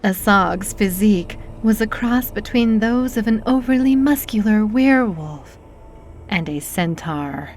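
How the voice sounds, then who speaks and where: A woman narrating a horror story in a slow, theatrical, ominous manner. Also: medium pitch, expressive, darkish tone, faint music behind.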